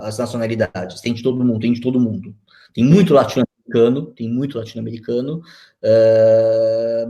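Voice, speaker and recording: A man's voice: medium pitch, a little mellow. A Brazilian man in his forties, a guest on a video-call interview, talking reflectively with many fillers and restarts. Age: 40s.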